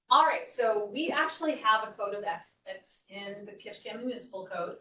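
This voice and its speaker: A woman's voice: mid-range voice, sharp tone, slight background noise. A woman city staff presenter giving a board training, talking conversationally and explaining with frequent restarts. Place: meeting room. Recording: echoey meeting room, distant mic.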